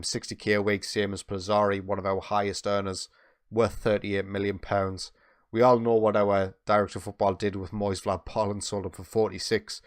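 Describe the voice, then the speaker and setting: A young man talks through his football management game like a live commentator. His voice sits fairly low and is recorded dry and close. He stays chatty and excitable throughout. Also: dry recording. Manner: excitable, running play-by-play chatter. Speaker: video game channel host.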